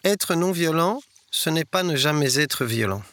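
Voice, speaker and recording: A middle-aged man, explaining things earnestly and in a measured way as an interview guest. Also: a little high, expressive, fairly bright tone, no room sound. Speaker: guest, nonviolence trainer. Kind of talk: reflective interview answers.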